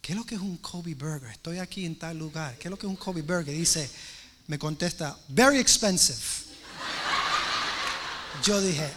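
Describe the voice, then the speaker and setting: High-voiced man telling a sermon story. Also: brisk, background noise. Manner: chatty, animated anecdote with acted-out dialogue. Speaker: preacher.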